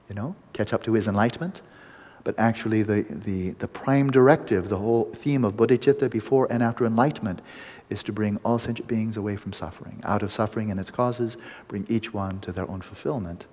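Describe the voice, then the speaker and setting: A man giving a Buddhist teaching in a measured, reflective way, often restarting his phrases mid-thought. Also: lowish voice, a little mellow, in a large hall. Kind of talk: dharma talk lecture.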